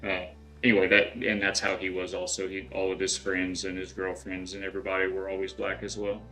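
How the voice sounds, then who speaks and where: This West Texas streamer, middle-aged, talks through his gameplay and responds to chat in a rambling, think-aloud way full of fillers and restarts. His low voice is monotone, fairly quick, pushed and bright, over faint music on a rough recording.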